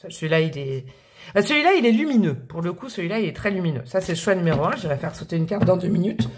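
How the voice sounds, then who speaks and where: A woman's voice: lowish voice, lively intonation, fast, a little mellow. A woman from France hosting a casual tarot reading, chatty and bubbly with slangy, affectionate talk. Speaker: tarot reader and channel host.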